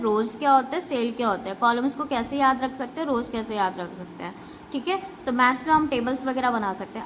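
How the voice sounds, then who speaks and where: Brief: female schoolteacher, high voice, patient and repetitive, explains basics to kids and keeps checking they follow. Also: fairly bright tone, slight background noise. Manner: addresses pupils directly with instructions. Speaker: school computer teacher. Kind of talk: classroom lesson explaining basics to children.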